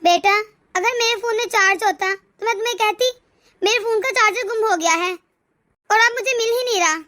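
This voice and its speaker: A worried mother-in-law in a cartoon family drama, voiced by a woman, high-pitched and anxious. She pleads and frets over her daughter. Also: normal speed, bright, forceful tone.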